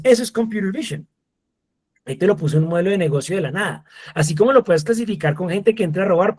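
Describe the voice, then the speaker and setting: A man teaching a live masterclass, animated, who acts out little exchanges with voice assistants. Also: sits high. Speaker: lecturer.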